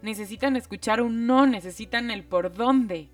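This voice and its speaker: A woman's voice: a little high, normal speed, recorded from a distance. A woman co-hosting a parenting conversation, chiming in with agreement and short points of her own. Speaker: parenting podcast co-host. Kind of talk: casual conversation.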